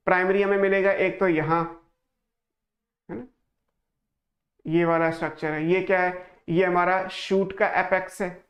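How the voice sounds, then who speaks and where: A man's voice: high-pitched, little pitch movement, a little slow, long pauses, muffled recording. A male teacher giving an online class lecture, explaining step by step, asking questions and answering them himself, mixing English phrases into his speech. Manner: mixes English phrases into Hindi.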